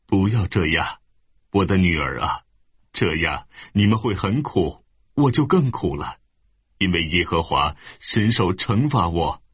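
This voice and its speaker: A bitter, grieving older widow, read by a man. The delivery is sorrowful and low. The voice is slightly husky in a dry, close recording. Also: expressive, measured pace, no echo, heavily acted.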